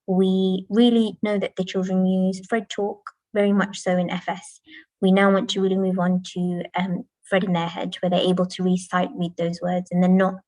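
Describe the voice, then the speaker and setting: A woman's voice: mid-range voice, flat delivery, normal speed, a little mellow, no room sound, low-quality recording. A woman teacher giving a talk to parents, explaining patiently and modelling classroom chants. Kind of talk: presentation to parents. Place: school, indoors.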